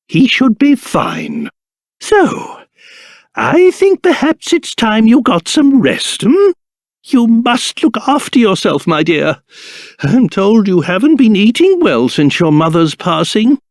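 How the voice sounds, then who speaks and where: In video game voice acting, an older man plays a fussy, fatherly British king whose high voice swoops dramatically. He speaks pompous, formal phrases at an unhurried pace, brimming with self-importance. The heavily acted performance is recorded dry, with studio quality.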